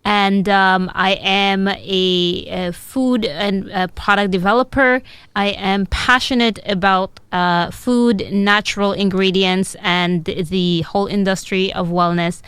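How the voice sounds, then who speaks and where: A woman from Senegal, a food and product developer, answering interview questions with many pauses and fillers. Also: mid-range voice, steady tone, a bit bright, clear, resonant tone, no room sound. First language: French.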